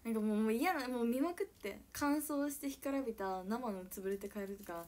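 A young woman with an Okayama accent, somewhat high-voiced, chatting on her idol live stream. She reads viewer comments, bursts into squeals and giggles, and then drops to a near whisper. The talk stays loose and casual throughout. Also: brisk. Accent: Okayama Japanese. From Okayama, Japan. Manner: animated, swings from squealing shouts to soft whispers, frequent giggles.

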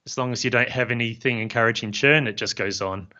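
A calm, friendly software founder in his fifties with a New Zealand accent lays out his business plainly in a casual interview chat, his voice at medium pitch and his pace measured. He's wearing headphones and using a studio mic on a boom arm in a home office room. The recording is slightly dull and lo-fi.

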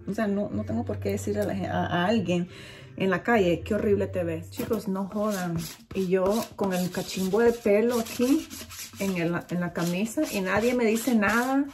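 A woman's voice: medium pitch, darkish tone. A woman with a Nicaraguan accent, a vlogger chatting frankly to her viewers. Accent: Nicaraguan Spanish. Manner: chatty, frank, mildly scolding. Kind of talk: casual chat to camera.

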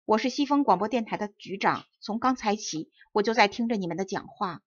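A woman's voice: mid-range voice, fairly quick, no echo, natural voice. A woman reading aloud as a mysterious shadow who runs a radio station, speaking solemnly and formally. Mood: earnest. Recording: dull dry audiobook recording.

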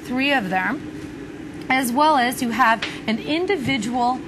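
Female home shopping host, chatty demo style, fairly high voice, noticeable studio background noise. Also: animated, takes it slowly. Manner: chatty, demonstrative sales talk. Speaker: home shopping product presenter. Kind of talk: home shopping host's product demonstration. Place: TV studio kitchen set.

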